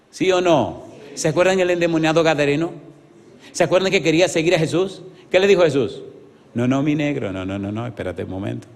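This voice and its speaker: A man preaching an evangelistic sermon, swinging between loud exclamations and hushed pleading and asking the congregation many rhetorical questions. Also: a little high. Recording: reverberant hall sound.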